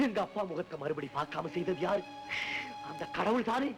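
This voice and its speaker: A grieving son. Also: male voice, high-pitched, animated, vocal fry, rough recording. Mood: grieving, anguished. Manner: declamatory, emotional, with long drawn-out pleading lines. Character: grief-stricken young man mourning his doomed father. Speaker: film actor. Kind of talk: 1960s Tamil film melodrama. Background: film score music.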